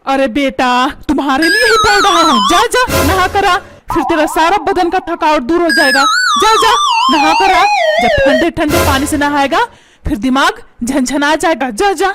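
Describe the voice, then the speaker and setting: A woman's voice: very high voice, very animated, moderate pace. A woman voicing a short-tempered middle-aged father in a cartoon, scolding and repeating insults. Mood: coaxing. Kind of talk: Hindi cartoon voice acting. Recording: loud background music.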